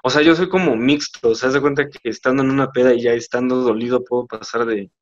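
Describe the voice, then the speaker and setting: A young man with a Mexican accent co-hosting a casual podcast chat in a relaxed, easygoing way. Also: mid-range voice, fast talker, no echo. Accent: Mexican Spanish. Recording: dull lo-fi sound.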